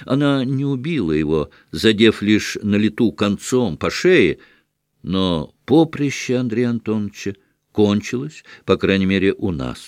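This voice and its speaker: A man reading a classic novel aloud as scripted literary narration, measured and steady. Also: fairly low pitch, no echo, clean studio sound. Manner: measured reading with acted outbursts. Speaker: audiobook reader.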